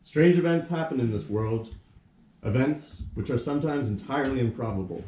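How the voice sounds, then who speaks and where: In a mellow, medium-pitched voice, a man narrates a puppet-theatre tale with formal, measured delivery, like reading a storybook aloud. The room is quite echoey, with slight background noise.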